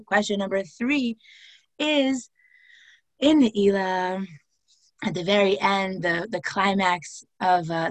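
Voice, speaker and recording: A woman who teaches Torah delivers a lively classroom lecture in a mid-range voice, firing question after question at her listeners and weaving in Hebrew terms. The recording is dry and of poor quality.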